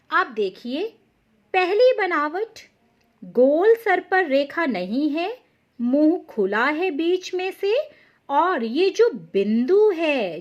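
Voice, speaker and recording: A woman teaching how to write Hindi letters. She speaks patiently, repeating points and stressing each correction. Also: high-pitched. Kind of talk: slow explanatory lesson.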